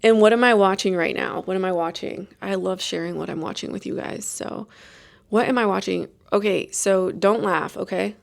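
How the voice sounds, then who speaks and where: A woman's voice: mid-range voice, normal speed, creaky. A woman hosting a podcast, telling a rambling, self-deprecating story in a casual chatty way with many restarts. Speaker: podcast host.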